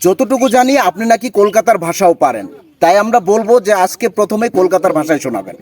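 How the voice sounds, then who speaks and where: A man's voice: high voice, very animated, quick pace, darkish tone. A man interviewing in formal standard Bengali, speaking as a presenter and praising his guest. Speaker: interviewer, journalist.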